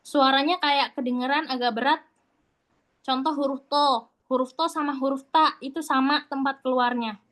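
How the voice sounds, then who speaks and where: A woman teaches Quran recitation in an online class, explaining patiently in a casual, chatty way and sounding out letters aloud as examples. Her voice is high and fairly bright, with fairly even intonation and a moderate pace.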